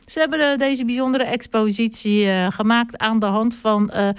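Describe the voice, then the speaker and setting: A woman's voice: a little high, fairly even intonation, normal speed, smooth. A woman hosting a local radio show, chatting casually and reading out local events with many filler sounds. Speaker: radio host.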